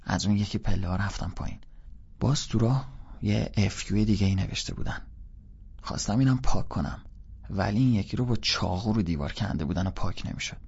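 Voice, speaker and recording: Low, gravelly man reading an audiobook. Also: a little mellow, lo-fi sound. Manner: casual, colloquial storytelling. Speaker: audiobook narrator. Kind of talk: first-person audiobook reading.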